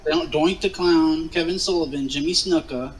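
A man's voice: a little high, moderate pace, a little hiss or hum, low-quality recording. A man chatting casually as a co-host, giving blunt, profane, slangy off-the-cuff commentary. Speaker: co-host of a wrestling watch-along.

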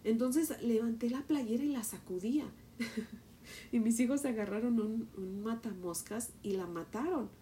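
A middle-aged Mexican woman with a Mexican accent, teaching from the Bible and telling a personal story in an animated way, often asking "¿verdad?". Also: a little high, unhurried, slight background noise.

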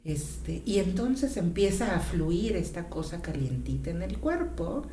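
A woman's voice: lowish voice, very animated, a little slow, mellow. A middle-aged woman in casual conversation, acting out quotes in exaggerated voices. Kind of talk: casual chat. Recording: echoey room with faint noise.

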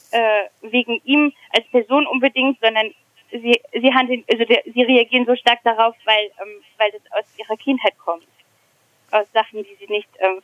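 A woman's voice: on the high side, fairly bright tone, no room sound, muffled recording. A woman in her thirties talking candidly as a podcast guest, hesitant and reflective, with many fillers. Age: 30s. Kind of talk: candid personal conversation.

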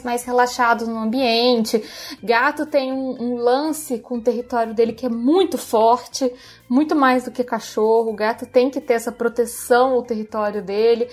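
This woman, a Brazilian pet podcast host and pet expert, has a voice on the high side and talks at a moderate pace. She explains cat behavior casually and warmly, with a Brazilian Portuguese accent, and often restarts her phrases.

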